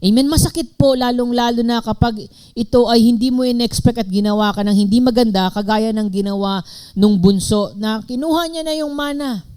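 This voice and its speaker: A woman's voice: on the high side, moderate pace, warm tone. Filipino woman preaching, asking for amens. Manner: keeps asking the congregation for an amen; switches between English and Tagalog, reading scripture aloud. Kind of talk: sermon.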